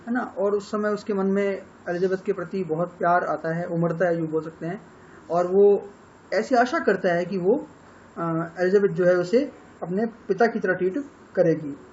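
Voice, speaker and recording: Summarizing a novel chapter by chapter, this Indian-accented literature teacher mixes Hindi into his English and pauses on fillers throughout the lecture. His voice sits high with a darkish tone, and the muffled recording carries a little hiss or hum.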